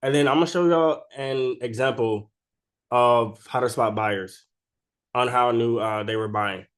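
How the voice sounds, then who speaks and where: A stock trading video creator with an average-pitched voice and a cold explains the market charts on his screen to followers in a casual, unscripted way. He talks informally with slang, often ending his points with a quick "right?"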